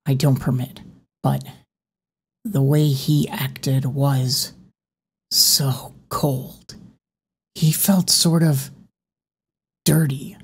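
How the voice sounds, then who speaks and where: A woman's voice: a bass voice, steady tone, drawn-out words, pauses often, slightly rough, exaggerated voice. A woman reading an audiobook, voicing a serious male police constable with stiff, formal delivery. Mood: uneasy.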